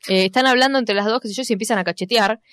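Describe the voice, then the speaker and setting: A young Argentine woman recapping a movie among friends, talking fast and acting out every line. Her voice sits in a middling range and sounds dry and close, with no room around it. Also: on the high side, smooth, no echo. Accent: Argentine Spanish. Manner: animated storytelling, acts out quotes, swears casually. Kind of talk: casual chat recapping a film.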